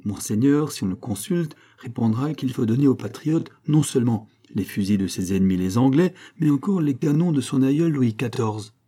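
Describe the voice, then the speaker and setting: A man's voice: medium pitch, lively intonation, normal speed, few pauses, dark tone, voice pushed up, lightly acted. A man putting on a sly small-town mayor. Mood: persuasive. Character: cautious sly middle-aged male town mayor.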